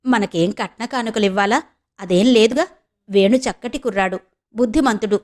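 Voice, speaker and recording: A woman's voice: mid-range voice, moderate pace, darkish tone, lightly acted. A woman voicing an affectionate, talkative older grandmother in a storybook reading. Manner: affectionate, coaxing.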